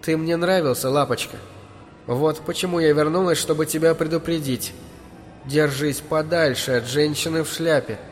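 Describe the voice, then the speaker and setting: A man's voice: a little high, moderate pace, big-room sound, faint music behind, close to an everyday voice. A man doing a drowned dead woman, gurgling. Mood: warning.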